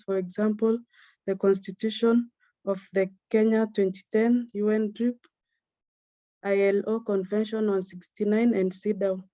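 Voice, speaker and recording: A woman presenting a prepared plan in a steady, formal, list-like reading. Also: mid-range voice, no room sound, muffled recording.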